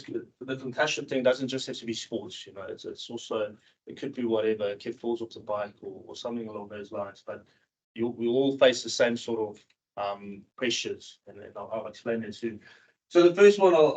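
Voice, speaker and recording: The speaker, a man who left South Africa for New Zealand in his early teens, is a former professional cricketer now coaching the sport. At a seminar he talks openly and informally in a mid-range voice, with halting, repetitive phrasing, on a dull, muffled recording.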